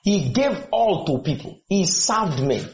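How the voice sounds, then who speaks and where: A man's voice: high-pitched, very animated, unhurried, darkish tone. A man preaching a sermon to students, firing questions at them and repeating his points. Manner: questioning, exhorting, repeats lines. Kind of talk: sermon with call and response. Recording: echoey room, dull lo-fi sound.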